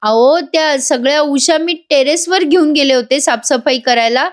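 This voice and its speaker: A chatty, clumsy household maid, rattling through explanations, as a woman reviewer reads her. The voice is a bit raised and bright, quick to explain. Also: high voice, pitched above the performer's own voice, natural voice.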